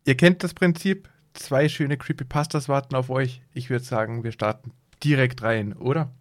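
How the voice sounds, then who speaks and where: A man hosting a podcast, reading a horror story aloud in a measured, suspenseful way. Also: mid-range voice, no echo, clean studio sound. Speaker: podcast host and story reader.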